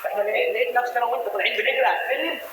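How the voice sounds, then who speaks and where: An actor with an Egyptian accent playing an excitable, dim-witted young male thief sidekick in a comic stage play. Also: very high voice, rapid-fire, heavy reverb, heavy background noise. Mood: whiny. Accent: Egyptian Arabic.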